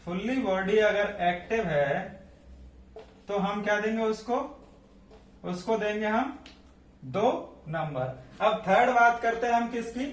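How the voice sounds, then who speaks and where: Guy teaching nursing, high voice, asks then answers himself, echoey room, mic kinda far. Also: slow, long pauses. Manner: asks questions then answers them himself, repeats key points. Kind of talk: classroom lecture.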